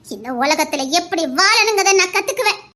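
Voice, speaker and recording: A woman plays a young bride with a Tirunelveli Tamil accent, bitter and defiant. The voice is very high and bright, with a tearful edge. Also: expressive, fairly quick, full character voice.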